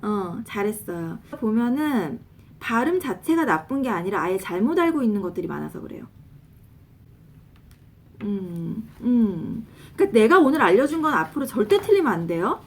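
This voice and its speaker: A woman casually coaching pronunciation, drilling words slowly and spelling them out letter by letter. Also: mid-range voice. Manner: animated, laughs often. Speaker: English pronunciation teacher, nurse.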